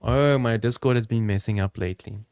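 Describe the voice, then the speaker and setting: An upbeat, chatty man from South Africa, his South African accent softened toward American, hosting a live trading stream and talking straight to his viewers. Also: fairly low pitch, a little fast, no room sound, studio quality. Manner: upbeat, chatty, addresses chat viewers directly. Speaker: crypto trading livestream host. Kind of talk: casual live-stream commentary.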